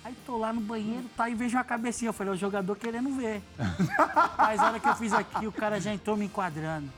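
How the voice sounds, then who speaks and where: A middle-aged man, a former footballer, telling stories in casual chat, animated and laughing often. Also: high-pitched, fast talker, loud music behind the voice.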